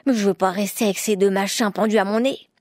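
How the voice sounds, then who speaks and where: A woman voicing a grumbling poor woodcutter's wife who talks in a shrill, bitter, quarrelsome way. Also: normal speed, no echo, clean studio sound, lightly acted. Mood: bitter complaining.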